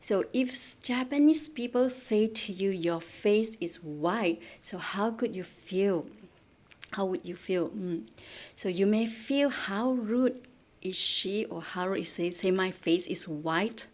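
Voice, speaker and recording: Speaking into a computer mic, a Malaysian woman leads a live online Japanese class, switching between English and Japanese, repeating key words and asking viewers questions. Her voice is mid-pitched for a woman, slow and a little mellow.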